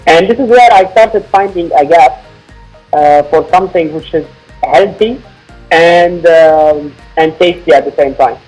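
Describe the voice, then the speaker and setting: A man from Lebanon, founder of a company, explaining his product in a podcast interview with a measured, filler-laden manner. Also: fairly high pitch, darkish tone, faint music behind, poor audio. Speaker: founder and CEO guest.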